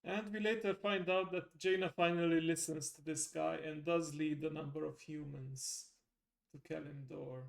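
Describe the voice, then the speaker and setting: A man giving casual, halting gameplay commentary as he recaps a game's story. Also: on the high side, steady tone, gravelly. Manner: halting, unhurried. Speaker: game streamer giving a lore recap.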